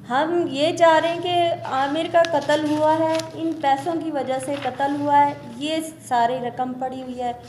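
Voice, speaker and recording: Middle-aged woman from Pakistan, high, indignant and insistent, press conference, echoey room. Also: fairly even intonation, measured pace, few pauses, a little mellow. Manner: insistent, indignant, repeats her points. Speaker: mother speaking at a press conference. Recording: echoey room with faint noise.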